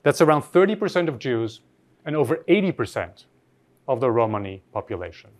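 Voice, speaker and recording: An Austrian man gives an academic lecture in a mid-range, very animated voice at a slightly quick pace. He's thoughtful, frequently rephrasing mid-sentence and posing questions to the audience.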